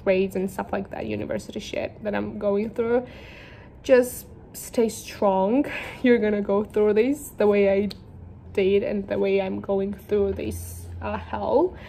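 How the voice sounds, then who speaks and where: A woman's voice: medium pitch, little pitch movement, a little slow, vocal fry, mellow, a little hiss or hum. A young woman from Georgia, a native Georgian speaker, chatting casually in English about her books, giggly and self-deprecating. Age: young adult. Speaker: book vlogger. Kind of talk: casual chat.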